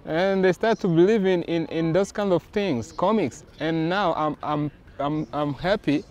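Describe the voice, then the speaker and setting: A man from Rwanda talks casually outdoors in a city setting, his voice sitting a little high for a man. He is animated and acts out the people he quotes. He speaks as a comics creator being interviewed. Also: unhurried.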